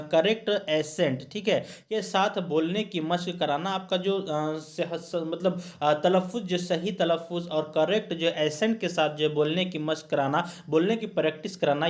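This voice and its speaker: A male teacher giving an exam-prep lecture, explaining each point by rephrasing it again and again with many fillers. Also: fairly high pitch.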